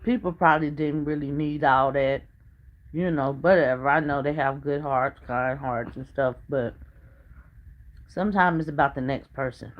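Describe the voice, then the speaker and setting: A woman's voice: deep voice, normal speed, muffled recording. A middle-aged woman, a family vlogger, telling a personal story to her viewers in a chatty, earnest way. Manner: chatty and earnest, drops to a hush when retelling what others said.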